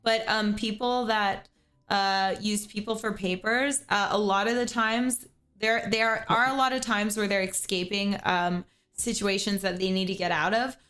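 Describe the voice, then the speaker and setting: A young woman hosting a livestream gives a caller earnest advice in a casual chat, repeating words as she thinks. Her mid-range voice is steady, fairly bright and a little slow.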